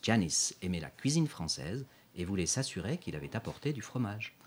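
A man narrating a storybook in a calm, steady way, with a husky voice. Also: fairly low pitch, moderate pace. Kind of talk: audiobook narration.

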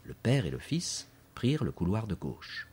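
A man reading a children's story aloud in a measured, clear narration. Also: fairly low pitch, sing-song, a little mellow.

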